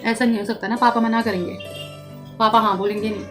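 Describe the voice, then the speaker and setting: High-voiced woman coaxing her child. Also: little pitch movement, fast talker, music in the background. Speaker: vlogger, mother. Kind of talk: casual family vlog talk.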